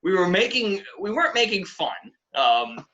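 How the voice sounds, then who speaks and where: Host, New England man: casual, profane storyteller, high and bright, lo-fi mic. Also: moderate pace. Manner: swearing, animated, acts out quotes in high voices. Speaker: podcast host. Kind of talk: casual chat.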